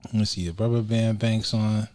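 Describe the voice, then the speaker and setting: A man's voice: on the low side, steady tone, moderate pace, darkish tone. A young man co-hosting a podcast in casual chat, often laughing and crude. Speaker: podcast co-host.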